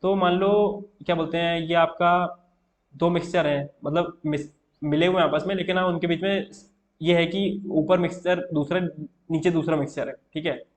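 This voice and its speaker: A man's voice: a little high, fairly even intonation, moderate pace. A young man teaching an exam-prep chemistry lesson in a casual way, often checking in with his students. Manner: casual, repeats "theek hai" often, writing on board.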